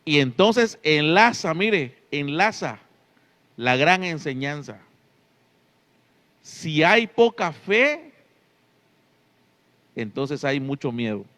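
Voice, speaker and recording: High-voiced man preaching emphatically. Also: big pitch swings, slow pace, pauses often, fairly bright tone. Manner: emphatic, drawing out key words, frequent tag questions. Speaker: pastor. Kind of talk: Sunday sermon.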